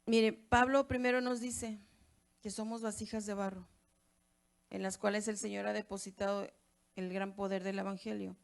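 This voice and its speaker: A woman's voice: medium pitch, level tone, normal speed, gravelly. A woman pastor preaching a sermon with a Mexican Spanish accent, emphatic, asking rhetorical questions and repeating phrases for weight.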